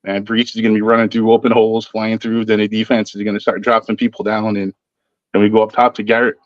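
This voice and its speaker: A man's voice: lowish voice, flat delivery, quick pace, dry recording. A man calling in to a sports show for casual fan chat. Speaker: caller. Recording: dull band-limited phone-in line.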